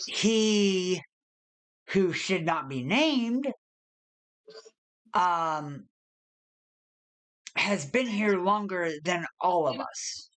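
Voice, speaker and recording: A woman playing an evasive townsperson under interrogation in tabletop role-play, guarded and halting in delivery. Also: lowish voice.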